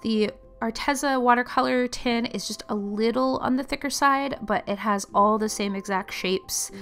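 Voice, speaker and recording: A woman hosting an art vlog, slightly raspy while getting over a cold, chatting casually through a product review. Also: a little high, moderate pace, a bit bright, soft background music. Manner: chatty, meandering, with small laughs. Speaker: art channel host.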